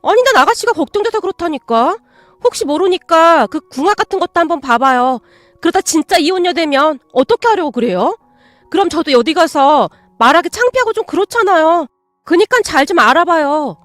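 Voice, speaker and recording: A tactless, nosy sister-in-law chatters on in a high, needling voice, as a woman puts her on. Her pitch swings widely, turning shrill, with a dry sound and faint music underneath. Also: expressive, brisk, fairly bright tone, no room sound. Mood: prying.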